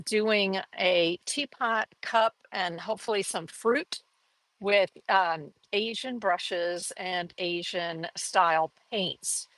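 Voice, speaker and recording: A woman's voice: medium pitch, takes it slowly, fairly bright tone, dry recording, rough recording. A middle-aged woman teaching a live painting lesson in a chatty, folksy way, laughing often as she talks. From grew up in Taiwan and Korea. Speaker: art teacher.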